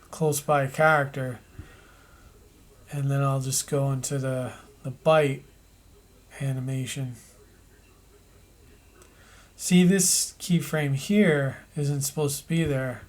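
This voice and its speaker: In a fairly even, medium-pitched voice, a man narrates an animation tutorial, thinking out loud as he works and often pausing or starting his sentences over.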